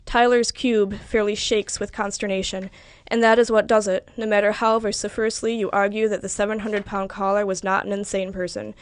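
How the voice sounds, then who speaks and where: A woman reading literary fiction aloud in a measured, even narration. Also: medium pitch, no echo. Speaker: reader.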